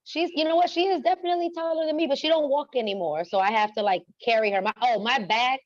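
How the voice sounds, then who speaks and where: Talkative female guest, higher voice, muffled remote line. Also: quick pace, no echo. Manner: chatty, expressive storyteller. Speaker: podcast guest. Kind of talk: casual chat.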